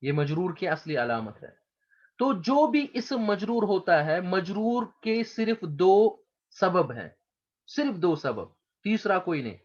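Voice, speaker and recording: A man teaching Arabic grammar in a slow explanatory lecture, patiently repeating each term for his students. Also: high-pitched, very animated. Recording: dull lo-fi recording.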